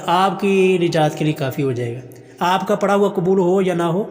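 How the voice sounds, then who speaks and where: A man teaching Quran pronunciation, chanting verses slowly and melodically, then explaining each letter quickly in plain speech. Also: sits high, darkish tone, big-room sound. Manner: slow melodic recitation alternating with quick explanation.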